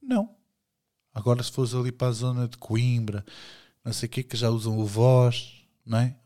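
A man's voice: medium pitch, flat delivery, brisk, warm tone. A middle-aged man with a European Portuguese accent, co-hosting a casual podcast chat in a blunt, joking way that is full of casual swearing. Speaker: podcast co-host.

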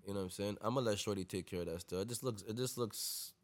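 A man's voice: fairly low pitch, fast. A young adult man, telling stories casually in street slang and repeating tag phrases. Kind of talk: casual anecdotal chat.

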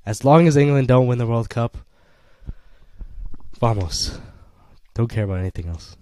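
A man's voice: medium pitch, lively intonation, normal speed, dark tone. A young man co-hosting a casual football podcast, opinionated and sarcastic as he argues his picks. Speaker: podcast co-host.

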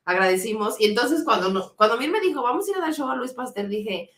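Mexican woman co-host, fast animated storyteller, slangy, echoey room. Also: on the high side. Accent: Mexican Spanish. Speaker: podcast co-host. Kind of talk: casual chat.

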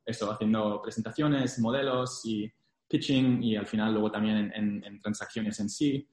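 Young male interview guest, fairly deep voice, casual Spanglish with English business jargon, reverberant room sound. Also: fairly even intonation, normal speed, a little mellow. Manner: Spanglish, mixing English business terms into Spanish. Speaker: interview guest, former investment banking analyst. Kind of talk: casual interview, telling career experience. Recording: echoey room.

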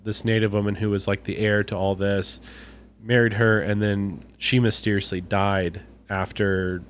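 A man's voice: on the low side, level tone, normal speed, slight background noise. A young man co-hosting a podcast, chatting casually and rambling, often slipping into voices to quote people. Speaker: podcast co-host. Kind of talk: casual chat.

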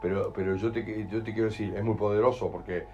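A man with a Rioplatense Spanish accent giving an in-person talk to an audience. He tells stories with lively acted-out voices and keeps checking in with "¿entendés?". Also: fairly low pitch, fast, highs cut off, soft background music. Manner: animated storyteller, acts out voices, keeps asking "¿entendés?". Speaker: speaker at a live talk. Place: room with a live audience.

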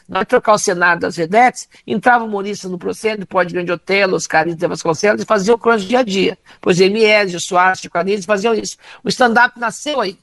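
A woman's voice: medium pitch, vocal fry, no room sound. A middle-aged woman from Minas Gerais with a Brazilian Portuguese accent, telling stories as a comedian guest, laughing often and acting out the dialogue. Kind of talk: animated anecdotal storytelling.

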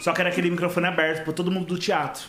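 A man's voice: sits high, little pitch movement, racing, fairly bright tone, roomy sound, a little hiss or hum. A man telling a story in a casual podcast chat, acting out quotes and laughing often.

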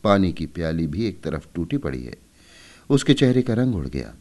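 A man narrating a story in an expressive, measured storybook reading. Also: low voice.

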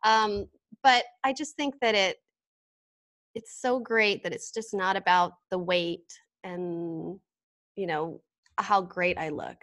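A woman's voice: mid-range voice, fairly even intonation, takes it slowly, fairly bright tone. A woman co-hosting a podcast, moving between casual chat and scripted announcements. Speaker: podcast co-host.

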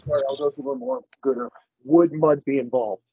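A man's voice: mid-range voice, steady tone, fast talker. Man on a glitchy, cutting-out call. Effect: glitchy call audio that keeps cutting out. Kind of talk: casual group chat on a call. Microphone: online call. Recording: dull lo-fi call audio with faint noise, cutting out.

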